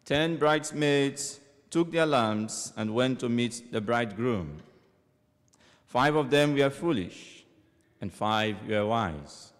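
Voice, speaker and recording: A priest reading the gospel and preaching a homily in a measured, deliberate way, his voice ringing through a large church with a long echo. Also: mid-range voice.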